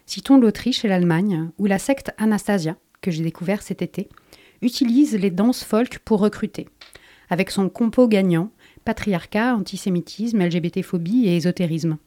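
A woman with a mellow, darker voice reads her prepared radio column. She keeps a measured, pointed delivery throughout, steady in pitch and level.

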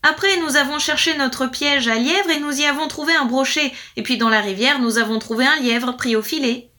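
A woman voicing a talkative, credulous peasant wife in a storybook reading, high and excited. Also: fairly quick. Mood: eager, chatty.

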